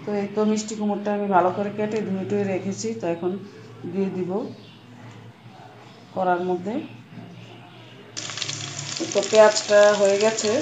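Hoarse lady cooking vlog, chatty, walks you thru each step, echoey kitchen w/ sizzling and rain behind. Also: medium pitch, little pitch movement, moderate pace, pauses often, noisy background. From Bangladesh. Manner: chatty, explains cooking steps as she goes. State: hoarse from a cold. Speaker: cooking vlogger. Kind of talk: casual cooking vlog narration. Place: home kitchen.

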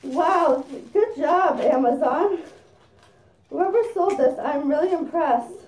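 High-voiced woman talking through a costume head. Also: slow, darkish tone, reverberant, far from the mic, low-quality recording. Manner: chatty, narrates while opening gifts. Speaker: vlogger. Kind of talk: casual unboxing chat.

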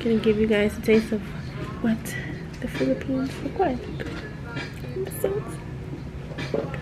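A woman's voice: fairly high pitch, fairly even intonation, moderate pace, over music. A woman travel vlogger chatting casually to the camera. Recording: noisy on-the-go travel audio.

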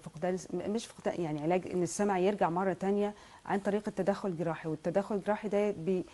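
A woman's voice: lowish voice, steady tone, very fast, mellow. A woman with an Egyptian Arabic accent who hosts a television interview and keeps asking the guest short follow-up questions. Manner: attentive, many short backchannels and follow-up questions. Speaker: TV host.

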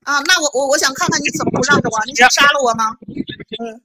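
A woman's voice: high-pitched, fast, a crowd in the background. A woman in a heated online debate who keeps pressing with needling, mocking questions. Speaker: livestream debater.

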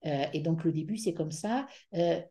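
A middle-aged woman delivers an academic lecture over a video call. Her voice is husky and mellow, sitting a little low. She talks hesitantly, often stopping to search for the right word. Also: expressive, moderate pace. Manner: hesitant, searching for words with many fillers.

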